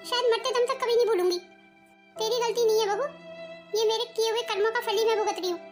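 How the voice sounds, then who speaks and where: A woman voicing an elderly mother-in-law in a cartoon family story, scolding and pleading by turns. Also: very high voice. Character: proud elderly mother-in-law, later remorseful. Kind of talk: cartoon voice acting.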